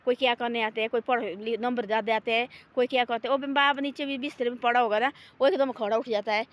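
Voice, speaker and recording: Casting note: woman, slightly high voice, homely rambling talk outdoors in a forest, gently moralizing. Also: fairly even intonation, quick pace.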